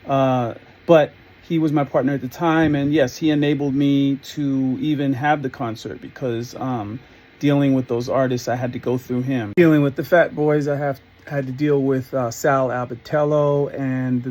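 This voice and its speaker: A middle-aged man from the New York area, a former concert promoter, tells a personal story in a warm, medium-pitched voice. His telling is casual, rambling and reflective.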